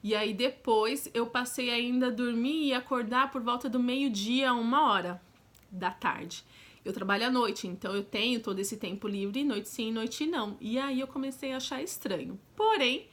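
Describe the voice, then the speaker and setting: Brazilian girl telling her story to the camera, talks straight to you, kinda high pitched. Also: moderate pace, a bit bright. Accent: Brazilian Portuguese. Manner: chatty and direct, with frequent asides to the viewer. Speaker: vlogger. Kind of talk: casual storytelling.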